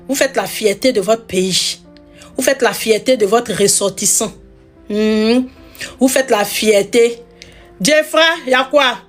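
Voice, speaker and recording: A woman's voice: fairly high pitch, fairly bright tone. A woman from Ivory Coast hosting a live stream, teasing and scolding her viewers with much repetition. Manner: scolding, playful, repeats phrases.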